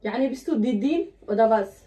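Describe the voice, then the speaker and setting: Higher-pitched woman, blunt and insistent. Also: expressive, normal speed, dark tone. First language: Somali. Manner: blunt, insistent, in simple broken German. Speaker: vlogger staging a prank on husband. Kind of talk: casual home vlog talk. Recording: distant mic, indoor home recording.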